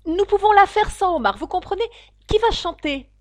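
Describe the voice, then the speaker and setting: A woman voicing a sorrowful mock turtle who sighs, weeps and sings slowly and sadly in a storybook reading. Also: a little high, mellow, no room sound. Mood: eager.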